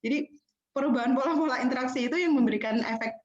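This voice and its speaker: A woman's voice: high voice, fast. Chatty woman lecturing over an echoey call. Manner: chatty, animated, acts out students and teachers. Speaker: lecturer giving a teacher-training session. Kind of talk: online lecture. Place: room, on a video call. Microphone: video call. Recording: echoey, dull online call audio.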